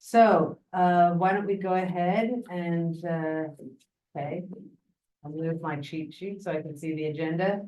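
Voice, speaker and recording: A woman's voice: on the low side, fairly even intonation, measured pace, mellow, muffled recording, slight background noise. A middle-aged woman, executive director, chairing a planning meeting in a meeting room with a joking, breezy manner.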